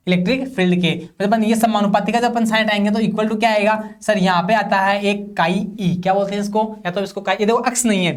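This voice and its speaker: A man from India teaching a physics class for an exam. He asks questions and answers them himself, keeps checking whether it is clear, and reads definitions out slowly. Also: high voice. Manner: reads English definitions slowly, explains in Hindi. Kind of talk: classroom lecture for exam prep.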